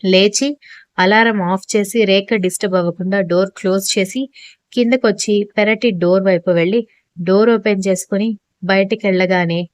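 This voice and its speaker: A woman tells a love story in smooth, even audiobook narration. Her voice is mid-pitched and recorded dry, with no room echo.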